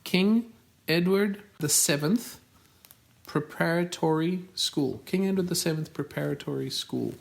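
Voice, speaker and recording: A man's voice: a little high, measured pace, gravelly. A South African man in his forties, answering interview questions carefully and spelling words out. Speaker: podcast host being interviewed by his daughter.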